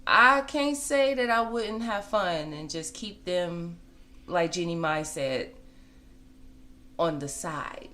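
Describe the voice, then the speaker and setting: Blunt American woman, slightly low voice. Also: takes it slowly, bright, forceful tone. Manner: blunt, conversational, emphatic repetition. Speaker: celebrity gossip commentator. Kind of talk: casual gossip vlog commentary.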